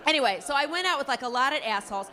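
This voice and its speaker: A woman's voice: sits high, lively intonation, very fast, noisy background. A middle-aged woman doing a stand-up comedy routine, ranting in a brash, profane, self-mocking way.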